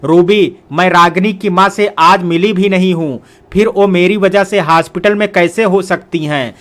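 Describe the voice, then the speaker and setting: A man's voice: sits high, steady tone, normal speed, a bit bright. A man reading the lines of a spoiled young sister who is sly, defiant and defensive. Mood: defensive, whiny.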